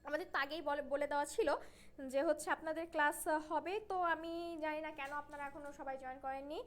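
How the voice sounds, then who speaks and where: A woman's voice: high-pitched, little pitch movement, quick pace. A young woman from Bangladesh teaching a Bangla class online, explaining patiently and checking in with her students. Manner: explanatory, checks in with tag questions.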